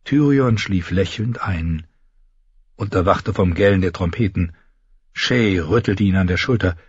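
A man's voice: sits low, measured pace, breathy edge, dry recording. A man reading fantasy fiction aloud as an audiobook narrator. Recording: dull lo-fi recording.

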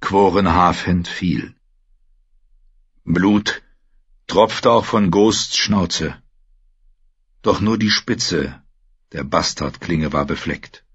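A man reading a fantasy novel aloud as scripted narration, steady and measured. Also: sits low, slightly rough, no echo, lo-fi sound. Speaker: audiobook narrator.

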